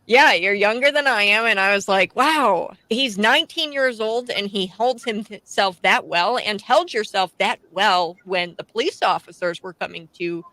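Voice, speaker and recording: A woman's voice: mid-range voice, moderate pace, few pauses, pushed and bright, low-quality recording. A woman in her twenties hosting a radio talk show, chatting casually and laughing between her points. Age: 20s.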